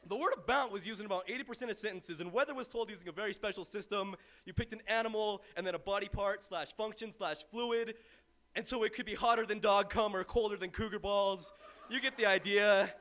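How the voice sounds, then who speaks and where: A man's voice: sits high, brisk, fairly bright tone. A young man from southern Arizona performing a comic slam poem on a live stage with a wry storytelling rhythm. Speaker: slam poet. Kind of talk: performance poetry.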